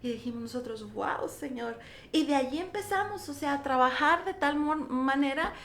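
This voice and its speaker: This middle-aged pastor speaks fairly quickly in a high register, her voice sounding roomy against slight background noise. Being interviewed on radio, she relates her testimony with lively storytelling and acts out the conversations she recalls.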